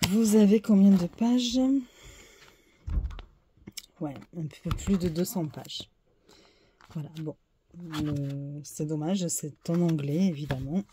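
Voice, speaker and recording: A woman's voice: deep voice, noisy background. A French-speaking woman casually showing and describing a tarot deck, hesitant and full of little fillers. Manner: hesitant, fills pauses with euh and hein. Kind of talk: casual show-and-tell unboxing.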